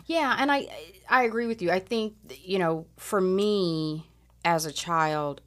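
A woman in her forties from Southern California, telling stories in a casual, animated chat and laughing as she talks. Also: fairly low pitch, a little slow. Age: 40s. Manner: animated storyteller, laughs while talking.

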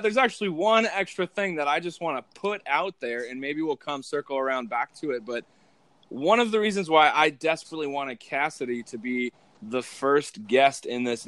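A man who is both a pastor and a podcast host chats casually, rambling and hesitating with lots of fillers and restarts. His mid-range voice is a bit bright, recorded dry.

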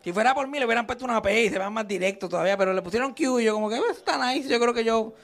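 Speaking very fast in a high-pitched voice, a young man is doing live stand-up at a comedy show. He tells crude stories with lots of animation, acting out each line he quotes.

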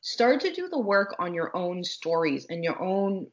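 Woman podcast coach chatting, lowish voice, asks lots of rhetorical questions, kinda dull recording. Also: big pitch swings, measured pace. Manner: emphatic, poses rhetorical questions. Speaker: podcast co-host and self-care coach. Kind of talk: casual conversational advice.

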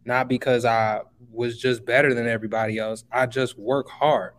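Here a mid-range male voice delivers flatly at a moderate pace. The speaker, a twentysomething from Chicago, is a podcast guest in a casual interview, emphatic and motivational, who keeps saying "bro" to the listener.

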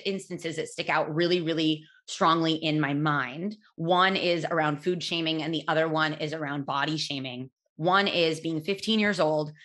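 On the podcast she hosts, a thirty-something woman shares a story from her own life in a frank, relaxed way, her voice deep and loud. Her delivery stops on filler words, and she often starts sentences over.

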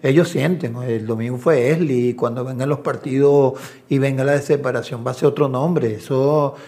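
In a casual interview, a middle-aged assistant coach and video analyst recounts anecdotes with a mid-range voice at normal speed. He's lively in the telling, voicing the people he quotes.

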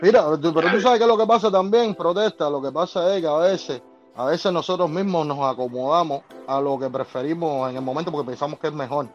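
A Cuban man chats excitedly in a fairly high voice, stumbling and restarting as he goes. His sound is dull and muffled, like a lo-fi line. Faint music sits behind him. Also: brisk. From Cuba. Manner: loud, excitable, restarts words often. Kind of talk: casual live podcast chat.

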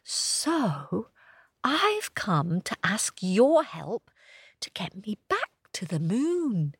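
A woman's voice: mid-range voice, huge pitch swings, very slow, slightly rough, dry recording, pitched above the performer's own voice, full character voice. A woman voicing a chatty, easygoing male moon rabbit who speaks in a playful, confiding way.

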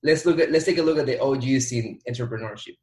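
Fast and a little mellow, this medium-pitched voice belongs to a Dominican entrepreneur in his 20s, guesting on an informal podcast interview. He's motivational and hands-on, repeating words for emphasis, and an echoey room colors the recording.

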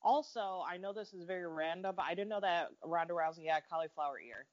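A woman's voice: lowish voice, quick pace. A woman chatting casually as a podcast co-host, sounding tired and worn out, with a blunt, dry way of talking. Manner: weary, exhausted-sounding delivery. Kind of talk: casual chat. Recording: dull, lo-fi audio.

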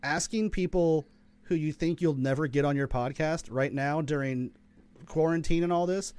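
A man who hosts a podcast, chatting casually and upbeat with quick asides. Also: on the high side, darkish tone, smooth. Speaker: podcast host.

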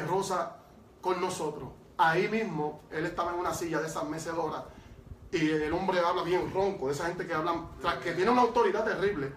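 A man telling his testimony as a preacher, lively and emphatic, with frequent fillers. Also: sits high, a little hiss or hum. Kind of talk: storytelling testimony. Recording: roomy sound from far off.

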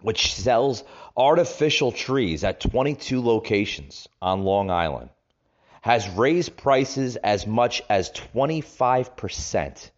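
A man with a deep voice delivers political commentary as a podcast host. He talks in a halting way and repeats phrases to drive points home. The sound is echoey and somewhat dull, like a makeshift setup in a rental room. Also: lively intonation. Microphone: makeshift setup without usual equipment.

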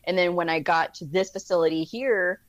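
A woman guest in a casual interview, telling lively stories, acting out quotes and laughing often. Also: fairly low pitch, a little fast, no echo. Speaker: podcast guest.

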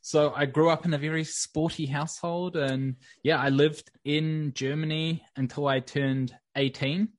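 A young man from New Zealand with a New Zealand accent, chatting casually as a podcast guest in a relaxed, rambling way. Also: on the high side, a little slow, hardly any pauses, no echo. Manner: relaxed, rambling with many fillers. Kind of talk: casual interview.

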